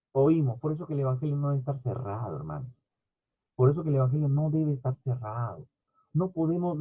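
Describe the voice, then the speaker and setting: A man preaches with fervor, rising into loud emphatic bursts before dropping to quiet asides. His voice sits fairly high and sounds husky. The recording is thin and tinny, like a phone line. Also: no echo. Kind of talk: sermon.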